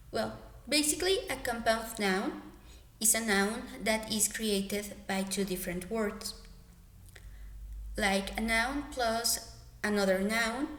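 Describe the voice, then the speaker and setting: Young woman, first language Spanish, pronunciation lesson, high voice, slow, echoey room. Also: fairly bright tone. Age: young adult. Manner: slow, careful teaching delivery. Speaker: student presenter.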